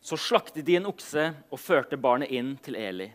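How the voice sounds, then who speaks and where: A man with a medium-pitched voice and wide swings in pitch preaches a sermon. He reads scripture aloud, then shifts to casual, somewhat hesitant talk, his phrases trailing off softly at the ends.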